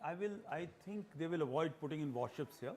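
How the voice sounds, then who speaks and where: Man, Indian accent, slightly raised pitch, military analyst, news commentary, halting explanatory phrasing. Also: animated, darkish tone. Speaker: military analyst, retired general. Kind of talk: expert commentary on a news show.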